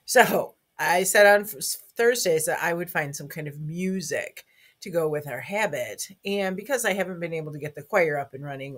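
A woman with a hoarse morning voice giving a school's morning announcements to young children, chatty and friendly, talking to a camera. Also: sits low, fairly bright tone. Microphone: speaking to a camera.

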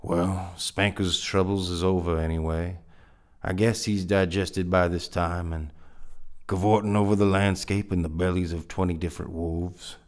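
Man voicing a laconic frontier man, low voice, terse folksy drawl, dry understatement, dramatic reading. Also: level tone, moderate pace, a little mellow, natural voice. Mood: dry coaxing.

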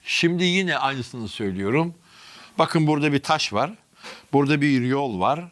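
Beneath an old city, a history vlog host and guide walks through underground stone passages, delivering dramatic tour narration straight to viewers and crew. His fairly high, animated voice has a fairly bright tone and a normal speed, and it echoes in the chamber.

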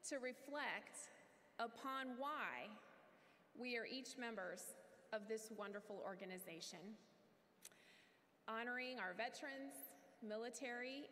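A middle-aged woman warmly reading a welcome speech at a convention podium, pausing between phrases. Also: on the high side. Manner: warm, measured reading with pauses. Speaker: welcome speaker. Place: large convention hall stage. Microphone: podium microphone. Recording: long hall reverb, faint crowd noise.

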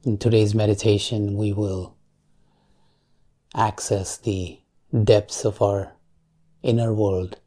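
Leaving long silences between brief phrases, a man with a fairly low pitch leads a guided meditation in a calm, measured manner.

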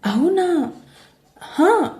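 A woman's voice: extremely high pitch, very animated, drawn-out words, mellow, reverberant, voice pushed up, heavily acted. A woman voicing a playful young wife who sulks and whines like a child. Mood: surprised. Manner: whiny and pleading.

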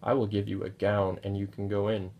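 A man voicing a brisk, polite female hospital nurse in a low, flat voice. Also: phone-quality sound, slight background noise, natural voice.

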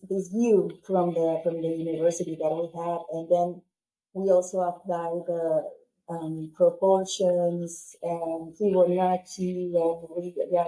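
A woman's voice: on the low side, mellow, rough recording. A woman in her forties from Peru with a Peruvian Spanish accent, explaining her architecture work earnestly over a video call, talking through an earphone mic at home. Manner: earnest, explains with pauses and restarts. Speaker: guest architect. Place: home room, indoors. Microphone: wired earphone mic.

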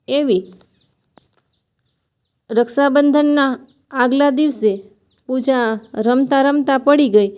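A woman narrating an emotional family story in a gentle, heartfelt storytelling manner. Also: high voice, smooth.

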